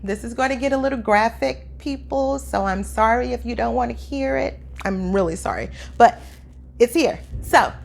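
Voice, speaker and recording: A woman's voice: a little high, normal speed, gravelly. Chatty woman getting over the flu. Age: 50s. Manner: chatty, animated, addresses viewers as y'all. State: recovering from flu, sore throat. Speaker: vlogger. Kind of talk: casual storytelling to camera. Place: home room by a window, construction outside.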